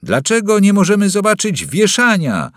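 Male reader playing a savage young boy, yelling high and slow, dry sound. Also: wildly swooping pitch, no room sound, exaggerated voice. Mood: demanding. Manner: shrill, slow, yelled. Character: vicious nine-year-old boy shouting threats.

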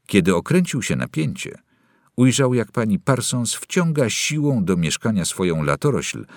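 Man, deep, husky, audiobook narrator, dry close sound. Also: no echo. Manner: dramatic, wide-ranging delivery. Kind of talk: scripted narration of a novel.

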